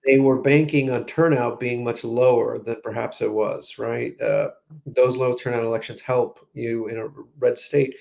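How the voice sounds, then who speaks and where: A man's voice: medium pitch, fairly even intonation, a little slow, creaky, a little mellow. A man giving political analysis as a strategist guest, talking conversationally with frequent restarts. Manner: conversational, restarts, "you know" fillers. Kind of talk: political commentary interview.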